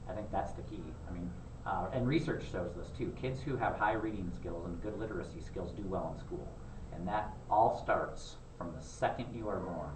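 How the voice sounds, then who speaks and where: A man's voice: low voice, normal speed. A man answering interview questions about education in a thoughtful, emphatic way. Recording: echoey room, distant mic, noisy.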